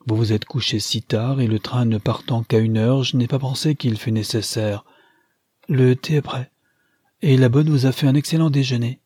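A man reading aloud, voicing a calm, dutiful male household servant who answers politely. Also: mid-range voice, moderate pace, husky, no echo, clean studio sound, pitched above the performer's own voice, lightly acted. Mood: polite excuse. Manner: polite, explaining himself.

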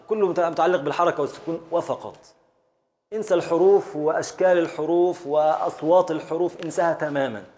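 A man with an Egyptian accent teaching a classroom lesson, patiently drilling students by repeating and counting along. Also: on the high side. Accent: Egyptian Arabic. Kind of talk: classroom lesson on Arabic prosody.

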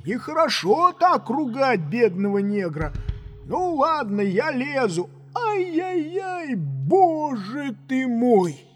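A woman voicing a timid old male servant in a storybook reading, slow, drawling and fearful, with long reverb and faint music behind. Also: high voice, very animated, pitched above the performer's own voice, full character voice.

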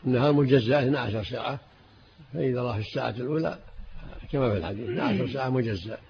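An older man speaking as a sheikh at a hadith reading session gives short answers, repeating words while he searches for the right ones. His medium-pitched voice is creaky and very fast, captured on a dull, lo-fi old tape with a faint hiss.

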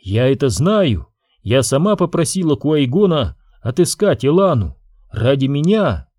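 Male narrator as a frail queen, quiet and calm, warm low tone. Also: unhurried, dry recording, studio quality. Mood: sorrowful. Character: frail sick queen mother, calm and sorrowful.

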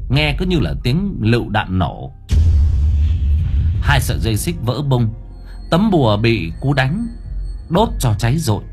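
A man narrating a ghost story audiobook in a vivid, expressive way. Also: mid-range voice, breathy edge.

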